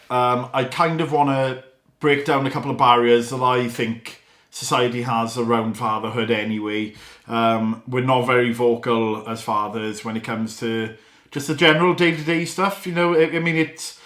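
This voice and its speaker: A young father talks earnestly about parenting at home, in a mid-pitched voice with a rambling, self-correcting flow. His voice bounces around an echoey living room. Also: moderate pace, a bit bright. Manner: earnest, rambling, with small laughs and restarts. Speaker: father and vlogger. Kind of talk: casual vlog talk to camera.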